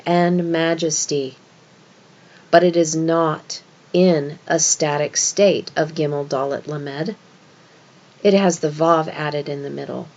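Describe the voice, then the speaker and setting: Low-pitched woman teaching scripture, dull sound. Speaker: religious teacher. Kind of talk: esoteric scripture lesson.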